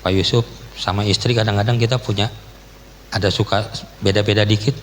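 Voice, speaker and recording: A man's voice: fairly low pitch, steady tone, fairly quick. Middle-aged man, guest pastor, chatty joking sermon, long church reverb, faint hum behind. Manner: casual, joking, Jakarta slang. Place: church hall.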